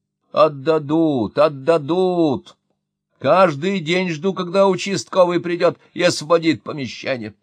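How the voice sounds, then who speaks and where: A fussy, plaintive old mother with a proud streak, as a male narrator puts her on in a raised, higher voice. The audiobook voice sounds close and dry, with no room around it. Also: unhurried, no room sound. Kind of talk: audiobook character voice.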